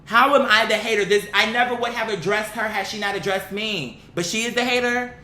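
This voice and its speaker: An online commentator reacts to viewer comments in a blunt, profane, indignant rant, reading them aloud and repeating phrases for emphasis. Her voice is on the high side, brisk and sharp with fairly even intonation. The sound is echoey and roomy, with slight background noise.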